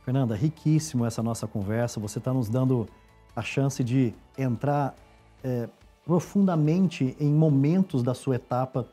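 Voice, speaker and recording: A man's voice: mid-range voice, moderate pace, dark tone, breathy edge, soft background music. A man hosting an interview, asking questions in an encouraging, affirming way. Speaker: interview host. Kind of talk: conversational interview.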